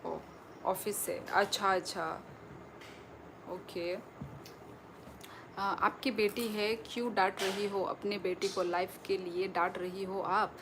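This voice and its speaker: A woman from Tripura, India, hosts a casual livestream on her phone, reading viewers' comments aloud and answering them chattily. Her medium-pitched voice has fairly even intonation, and she speaks slowly with long pauses. Clear background noise comes through the phone.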